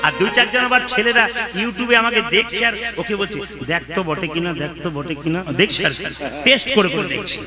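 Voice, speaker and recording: Man, kirtan leader, high voice, playful coaxing chatter, live music underneath. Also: moderate pace. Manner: playful, coaxing the crowd, laughs between lines. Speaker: kirtan singer leading a gathering. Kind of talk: devotional kirtan call-and-response with banter. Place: village kirtan gathering.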